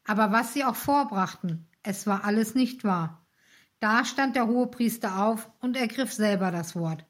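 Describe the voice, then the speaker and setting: A woman narrating a children's Bible story with a clear, even reading. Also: mid-range voice, moderate pace.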